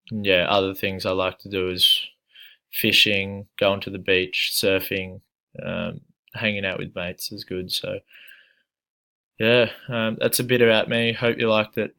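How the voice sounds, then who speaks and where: A man's voice: on the low side, unhurried, creaky. A young man from Australia with an Australian accent, giving a casual, hesitant self-introduction full of fillers. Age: young adult. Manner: relaxed, hesitant with many fillers. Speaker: student.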